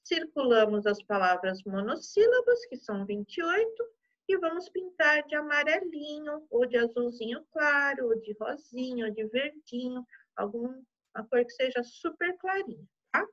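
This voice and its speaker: A woman with a Brazilian Portuguese accent teaches a class for young children in a high, gentle voice. She talks patiently and softens her words as she checks in with the class. The recording sounds slightly dull and lo-fi. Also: lively intonation, moderate pace. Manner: gentle, patient, uses diminutives and checks in often.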